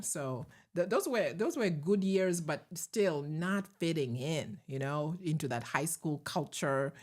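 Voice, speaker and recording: A middle-aged Ugandan woman with a low voice appears as an interview guest, telling stories from her past. She speaks in a measured, reflective way, punctuated by soft laughs.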